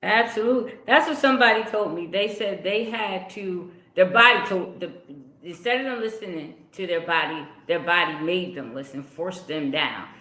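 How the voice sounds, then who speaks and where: Woman podcast host, lively conversational storytelling, frequent restarts, roomy echo around her. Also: fairly low pitch, normal speed, hardly any pauses. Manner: animated, tells personal stories with frequent restarts. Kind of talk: casual conversational interview.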